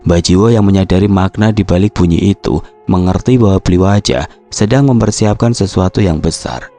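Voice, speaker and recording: Seorang pria membacakan cerita horor dengan gaya bercerita yang dramatis dan terukur. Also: male voice, deep voice, mellow, faint music behind. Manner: measured, dramatic storytelling. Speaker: horror story narrator. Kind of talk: dramatic horror story reading.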